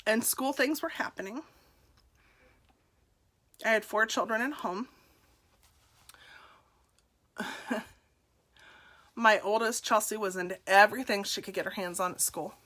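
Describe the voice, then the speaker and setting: Bright-sounding woman in her 40s, telling her story straight to camera, laughs a lot, pokes fun at herself. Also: medium pitch, normal speed, long pauses. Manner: candid, self-deprecating, laughs often. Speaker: nurse and direct seller.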